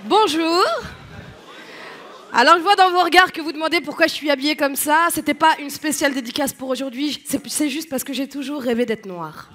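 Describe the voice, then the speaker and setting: Woman comic from Tunisia, high voice, live stage set, audience laughter and noise behind. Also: fairly quick, over music, crowd noise. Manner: playful, switching into mimicked voices. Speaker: stand-up comedian. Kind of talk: stand-up comedy set.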